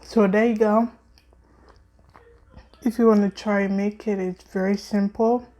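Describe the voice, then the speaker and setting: A woman's voice: mid-range voice, flat delivery, a little slow, mellow. A woman casually talking viewers through her home baking, chatty and full of fillers. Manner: chatty, lots of fillers, addresses viewers as guys; talks with mouth full at times. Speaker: home cooking vlogger. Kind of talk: casual cooking vlog.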